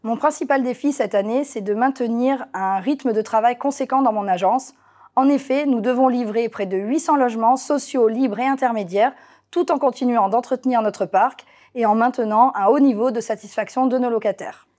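A woman's voice: on the high side, moderate pace, darkish tone. A woman, an agency director speaking in a composed, articulate way in a corporate interview.

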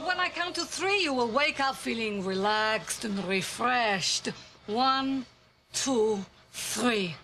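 A performer playing a smug, squeamish psychiatrist with slow, soothing hypnotist patter. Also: mid-range voice, animated, noisy background. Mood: soothing clinical. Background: music underneath.

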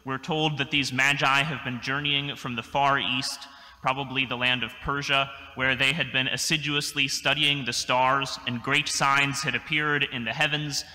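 A young adult man, a priest, gives a measured, thoughtful sermon from a church pulpit, with dry little asides. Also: mid-range voice, little pitch movement, sharp tone. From United States. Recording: long church reverb.

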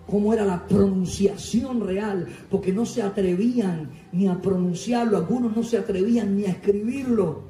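A man preaches a fervent sermon, his voice pitched high and rising into shouts. He sounds a little off the mic in a roomy, echoing church hall. Music plays clearly underneath. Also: distant mic. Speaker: pastor.

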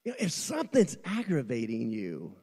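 A middle-aged male pastor preaching a folksy sermon, swinging from quiet asides to shouting, recorded in a church. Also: mid-range voice, huge pitch swings, moderate pace, husky. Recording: long church reverb.

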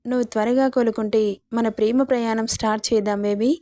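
A woman's voice: fairly high pitch, fairly even intonation, fairly quick, mellow, natural voice. A woman reading a teasing young lover. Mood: coaxing. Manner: coaxing, playful.

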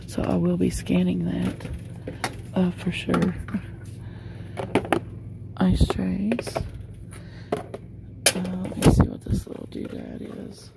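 Inside a large discount store, a middle-aged shopping vlogger films her walk on a handheld phone and chats casually, full of fillers. She speaks slowly in a low, monotone, gravelly voice with long pauses, and the recording is very noisy.

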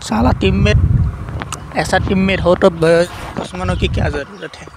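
A man giving casual, excitable gameplay commentary, swearing and yelling at his teammates as he plays. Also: sits high, normal speed, creaky, noisy background. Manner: excitable, swears and yells at teammates mid-game. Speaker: gaming commentator.

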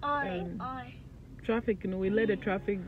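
A woman's voice: mid-range voice, expressive, moderate pace. A woman in her forties chatting casually to her phone camera for a travel vlog, rambling with lots of fillers. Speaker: vlogger. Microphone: phone at arm's length. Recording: dull lo-fi phone audio with background noise.

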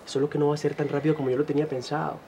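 Guy doing sorry boyfriend, soft dark voice, faint room noise. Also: on the high side, level tone, very fast, natural voice. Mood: pleading. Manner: tender, apologetic, pleading. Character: apologetic lover begging for trust. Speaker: Abel, Cira's lover. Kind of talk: telenovela acting.

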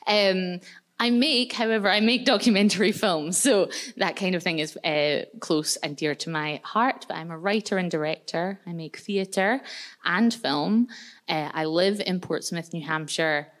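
Chatty Scottish woman with a low voice. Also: measured pace, fairly bright tone. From Scotland. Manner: chatty, self-deprecating, lots of fillers. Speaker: workshop presenter. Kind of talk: casual workshop introduction. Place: large community hall, indoors. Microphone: handheld microphone.

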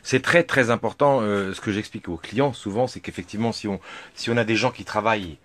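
A man's voice: fairly low pitch, a little fast, a bit bright, slight background noise. A man hosting a casual interview and walkthrough at a camper van show stand, chatty and reassuring, speaking straight to viewers. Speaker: show host.

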